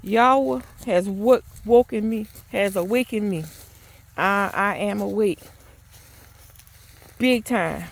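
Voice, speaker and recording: A woman's voice: mid-range voice, slow pace, vocal fry, pauses often. A woman talking to the camera outdoors in a yard, earnest and exasperated, with a preachy tone and frequent restarts. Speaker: vlogger. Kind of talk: spoken outdoor vlog monologue. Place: outdoors in a rural yard or garden.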